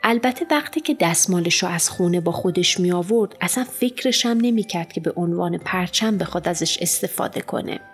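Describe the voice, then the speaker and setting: Woman reading a kids story aloud, lowish voice, lively, soft music under it. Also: few pauses. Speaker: audiobook narrator. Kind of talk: storybook narration as a boy narrator. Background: faint music.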